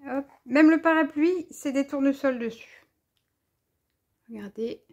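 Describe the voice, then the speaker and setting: Bubbly high-voiced French woman crafter. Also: unhurried, a little mellow. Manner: chatty, enthusiastic, gushes over each item. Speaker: crafting vlogger. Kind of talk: casual show-and-tell haul video.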